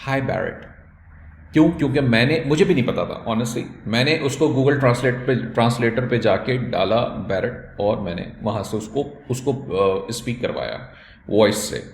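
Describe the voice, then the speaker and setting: A man's voice: mid-range voice, echoey room, slight background noise. A man with a Pakistani accent, an ecommerce trainer giving an instructional talk, mixing English phrases into his explanations and acting out example pronunciations.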